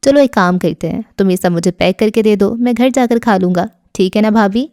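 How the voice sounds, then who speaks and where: A woman's voice: medium pitch, mellow, no echo, clean studio sound, lightly acted. A woman reading a teasing young man. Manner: mischievous, wheedling. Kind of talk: audiobook character reading.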